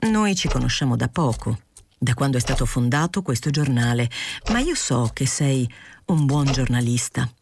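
A woman's voice: extremely low pitch, expressive, moderate pace, darkish tone. Condescending male newspaper boss read by a woman, brusque, lecturing, audiobook, faint hiss.

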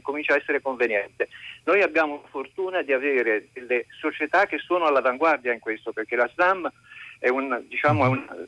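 A man phoning into a radio show, his voice bright and a bit sharp, heard dry and close. He lays out his point earnestly and at length, breaking off mid-word and starting over again and again. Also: medium pitch, no room sound, rough recording. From central Italy. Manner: earnest, long-winded explaining with frequent halting restarts. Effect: calling in by phone to a radio show. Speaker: caller. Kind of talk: phone-in question to a radio host. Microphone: phone.

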